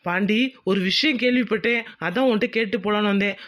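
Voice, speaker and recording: A man's voice: sits high, fast, a bit bright. A man voicing a loyal, chatty young male friend in a village cartoon, chummy and admiring in tone.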